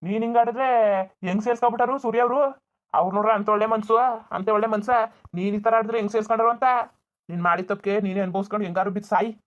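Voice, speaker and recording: A furious young village man, voiced by a voice actor in a cartoon, scolding his family with bitter, shouted words. The audio is thin and tinny, like a phone line. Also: medium pitch, steady tone, quick pace, close to an everyday voice. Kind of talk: Kannada village cartoon dub.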